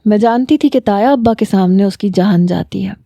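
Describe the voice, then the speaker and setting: Mellow-voiced woman narrating a story. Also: medium pitch, gravelly, no echo, clean studio sound. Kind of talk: first-person storytelling narration.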